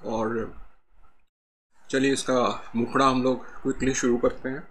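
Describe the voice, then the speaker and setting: A man with an Indian accent teaching harmonica in a calm, explaining way, his voice a bit heavy from a cold, singing out note names between explanations. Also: medium pitch, unhurried, slight background noise. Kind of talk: harmonica tutorial.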